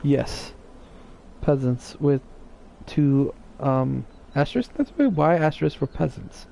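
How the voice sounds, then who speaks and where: A man's voice: fairly high pitch, expressive, takes it slowly, vocal fry, mellow. A man streaming live, chatting casually and teasing his viewers in a rambling way.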